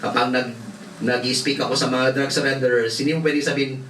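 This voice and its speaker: A man's voice: medium pitch, little pitch movement, brisk, a bit bright. A male pastor from the Philippines preaching a sermon, telling stories with laughter and mixing in English. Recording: roomy hall, voice from far off, faint noise.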